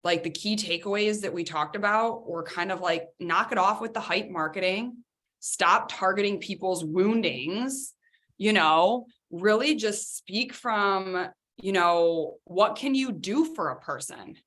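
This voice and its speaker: A woman co-hosting a podcast in casual chat, talking in an animated, chatty way with lots of fillers. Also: mid-range voice, measured pace. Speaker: podcast co-host.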